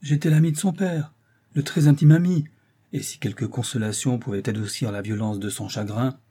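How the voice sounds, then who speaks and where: A portly, ambitious count presses for news in an urgent, anxious voice. A man reads him aloud, with a husky, mellow tone. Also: mid-range voice, normal speed, close to an everyday voice. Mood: solemn.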